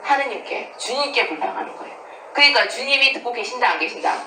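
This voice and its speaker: A middle-aged woman, a nun, leading a parish Bible study with a lively, teasing manner, often checking in with her class. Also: fairly high pitch, fast, noisy background. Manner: lively, teasing, keeps asking the class "right?". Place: church hall with a class. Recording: echoey room from a distance.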